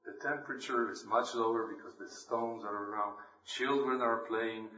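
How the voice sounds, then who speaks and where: A man's voice: on the low side, steady tone, normal speed, sharp tone. A man from Poland, a lay preacher giving an earnest, emphatic scripture reading and devotional talk at a church meeting. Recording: roomy, distant, dull church recording.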